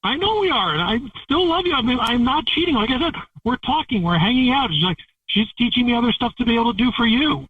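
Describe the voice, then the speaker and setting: A man's voice: very high-pitched, expressive, fast talker, slightly rough. A man on a phone call to a radio show, defending himself with stammering denials. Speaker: caller being confronted on a radio prank call. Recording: tinny phone line, distant from the mic.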